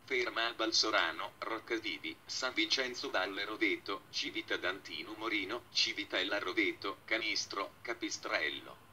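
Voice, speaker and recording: Flat, formal male station announcer, very bright. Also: fairly low pitch, moderate pace, hardly any pauses, slight background noise. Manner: clipped, segmented, formulaic delivery.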